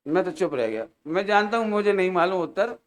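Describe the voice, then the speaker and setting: Man, high voice, preaching sermon, lively storyteller, acts out voices, slow chanted verses. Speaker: Jain preacher. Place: large hall, camp gathering.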